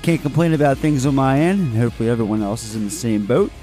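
A man's voice: medium pitch, fairly even intonation, fast talker, warm tone, faint music behind. A man hosting a casual film podcast, with upbeat, breezy emcee patter and casual swearing. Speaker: podcast host.

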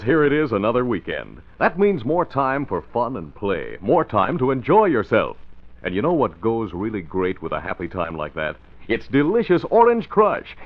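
A man announcer delivering a chipper, emphatic, folksy 1950s radio commercial. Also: fairly low pitch. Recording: dull vintage radio recording.

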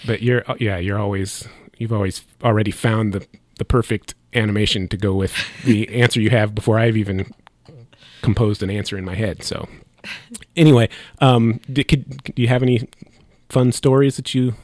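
A man's voice: lowish voice, fairly even intonation, moderate pace, a little mellow, no echo. A man hosting a podcast interview, asking questions hesitantly with many restarts. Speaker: podcast host. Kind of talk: casual interview.

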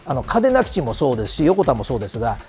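A man's voice: mid-range voice, sing-song, racing, darkish tone, faint music behind. A middle-aged man commenting on a TV news segment, explaining emphatically with jokey asides.

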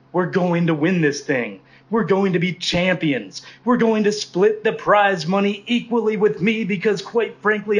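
A man's voice: a little high, natural voice. Man acting bombastic coach giving a halftime pep speech. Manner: grandiose, motivational, sweary. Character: bombastic, cocky male bowling coach firing up his team.

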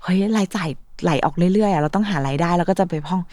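A woman in her thirties runs her own brand and talks about it quickly and casually. Her voice sits slightly low. She brightens into little impressions when she quotes others. The recording is dry and close. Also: no echo. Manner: brisk, mimics others in quotes. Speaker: bag brand owner. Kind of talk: casual interview chat.

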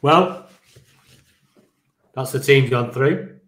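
A man's voice: medium pitch, extremely slow. A man co-hosting a fantasy football podcast, talking in a casual, joking way. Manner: casual, swears, laughs easily. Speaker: podcast co-host. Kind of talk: casual chat. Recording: roomy echo.

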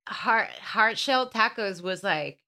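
Bright-voiced woman from Venezuela. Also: medium pitch, expressive, slow. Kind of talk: casual chat.

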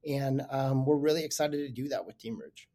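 A man speaking as a guest in a podcast interview, relaxed and conversational with many fillers. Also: mid-range voice, a little fast. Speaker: guest, company director. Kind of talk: casual interview chat.

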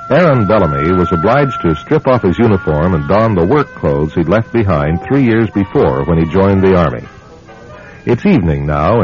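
A man acting as the solemn, dramatic narrator of a vintage radio horror tale. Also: low voice. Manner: solemn, dramatic, ominous storytelling. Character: grave male narrator of a radio terror tale. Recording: dull vintage radio sound, music behind.

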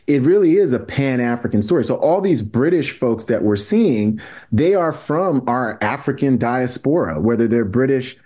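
An earnest man from New York City talks through his view as a podcast guest, his voice sitting at an ordinary middle pitch. He explains patiently in a lecturing way, often stopping to restart a sentence before pushing on. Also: animated, normal speed, warm tone. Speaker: guest historian. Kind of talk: podcast conversation.

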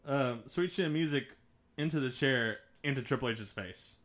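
A man's voice: mid-range voice, normal speed, fairly bright tone. A man co-hosting a podcast, recapping a wrestling match move by move in a laid-back way. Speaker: podcast co-host.

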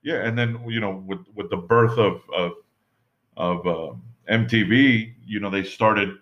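A podcast co-host chats casually in a lowish, somewhat slow voice, rambling with lots of "you know" and restarts. The recording sounds dull and lo-fi.

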